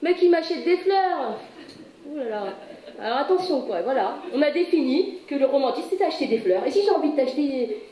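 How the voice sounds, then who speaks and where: A woman psychologist giving a conference talk, animated and acting out little everyday scenes. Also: high-pitched, quick pace, recorded from a distance. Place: conference hall. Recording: roomy echo, voice heard from afar.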